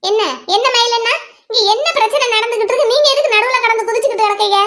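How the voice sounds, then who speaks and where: A woman voicing a quick-tongued young village wife in a cartoon family drama, fast and outspoken. The voice is extremely high and the words tumble out at speed. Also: background noise. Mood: argumentative. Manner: fast, argumentative, reasoning. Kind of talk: cartoon voice acting.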